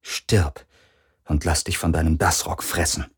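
Man doing a scared but furious young woman, bitter inner voice, slow and husky, audiobook heroine. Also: extremely low pitch, fairly even intonation, heavily acted. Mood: hateful. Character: defiant, frightened young woman, a daughter full of bitter hatred.

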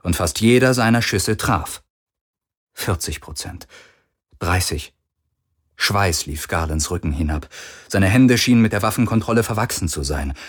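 A man narrating a science-fiction audiobook in a measured, steady way. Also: low-pitched. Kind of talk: scripted narration.

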